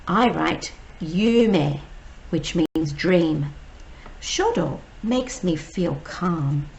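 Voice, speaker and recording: A woman teacher, reading a picture book aloud slowly and explaining each word. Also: fairly low pitch, expressive, vocal fry, darkish tone, slight background noise, poor audio. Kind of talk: read-aloud storytime.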